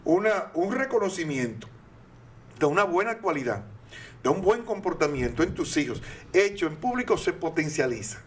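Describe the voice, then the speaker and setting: Older Dominican man, high voice, earnest advice-giver, teaching tone. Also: big pitch swings, moderate pace, a little hiss or hum. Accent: Dominican Spanish. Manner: earnest and didactic, with rhetorical questions. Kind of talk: advice talk.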